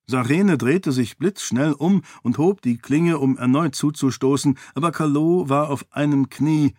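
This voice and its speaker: A man narrating a novel in a steady, even storytelling manner, recorded on a close mic. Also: medium pitch, no room sound. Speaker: audiobook narrator. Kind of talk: scripted narration.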